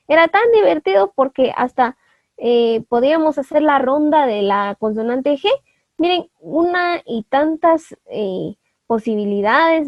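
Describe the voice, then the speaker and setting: A woman with a high-pitched voice teaches an online class, explaining things step by step, spelling out syllables and frequently checking that her students follow. The audio is dull with no room sound.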